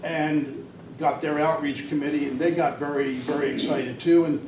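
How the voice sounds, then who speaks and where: Speaking at a Rotary club meeting, this older guest rambles and hesitates, leaning on many fillers. His fairly high voice holds a steady tone at a moderate pace, picked up by a far-off mic in a noisy room with echo.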